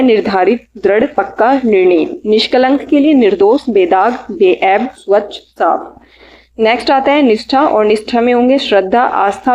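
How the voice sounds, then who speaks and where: A woman teaching exam vocabulary, listing synonyms in short bursts and adding quick study tips. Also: a little high, darkish tone, dull audio. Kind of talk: reading out synonym lists for an exam lecture.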